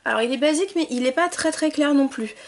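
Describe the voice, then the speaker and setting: A young woman talking through a makeup tutorial, chatty and thinking aloud as she works, often trailing off softly. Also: high-pitched, quick pace. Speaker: beauty vlogger.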